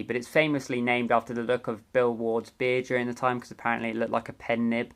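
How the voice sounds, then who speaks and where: A young man talking through a ranked album countdown in a relaxed, chatty way. His voice sits at an ordinary middle pitch, and he gets eager about favourite tracks, often restarting or correcting himself mid-phrase. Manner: enthusiastic and chatty, with small self-corrections. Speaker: music reviewer. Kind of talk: casual ranked album review.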